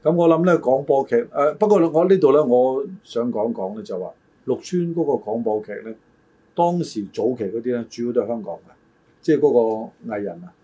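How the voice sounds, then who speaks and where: An older man co-hosting a talk show reminisces in a casual chat, his voice medium-pitched, mellow and a bit breathy, at a fairly quick pace. He is hesitant and roundabout, hedging his recollections.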